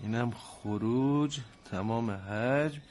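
A man playing a harried father who trades online and is quick to snap at his family, in a scripted family drama. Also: medium pitch, a little mellow, a little hiss or hum, close to an everyday voice. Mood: tense. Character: harried middle-aged father trading online, easily flustered.

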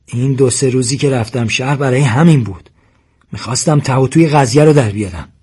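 A man voicing a hot-tempered, accusing village man in a storybook reading, with a husky voice. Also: mid-range voice, close to an everyday voice. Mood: tense. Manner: accusing, shouts at times.

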